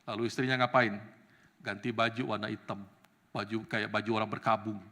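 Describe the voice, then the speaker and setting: Animated male preacher in a reverberant church. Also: fairly low pitch, brisk. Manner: animated, rises to loud emphatic peaks. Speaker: evangelist preacher. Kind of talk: sermon. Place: church sanctuary.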